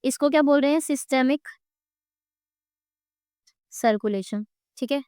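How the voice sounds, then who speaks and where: With a measured pace and a slightly mellow tone, a high-voiced Indian-accented woman with a somewhat sore throat leads an exam-prep lecture. She draws diagrams on a board while quizzing her class repeatedly and supplying the answers. It's a dry, close recording with no room sound.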